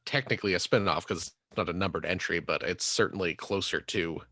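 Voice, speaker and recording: A man co-hosting a podcast, joking around with quick puns in casual chat. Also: deep voice, bright, forceful tone, no echo, clean studio sound. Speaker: podcast co-host.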